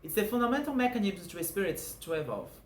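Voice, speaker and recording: In a scripted explanatory monologue for his channel, a twenty-something Brazilian whose first language is Portuguese walks earnestly and steadily through a doctrine one point at a time, his accent Brazilian Portuguese. He sounds high-pitched and sing-song, and the echoey room carries faint background noise.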